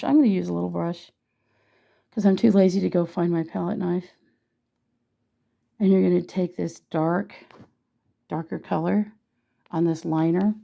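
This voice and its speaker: Hoarse gravelly woman teaching painting. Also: lowish voice, mellow, lo-fi sound. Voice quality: gravelly, husky voice. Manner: chatty, self-deprecating, thinks aloud while painting. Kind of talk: casual painting tutorial.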